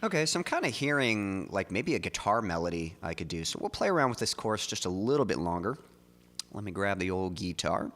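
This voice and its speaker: Talking loosely on a livestream, a songwriter speaks into a studio mic set before his mouth, sprinkling in plenty of "like" and "um." His low voice is sing-song, brisk, and fairly bright, and the audio has a big-room sound.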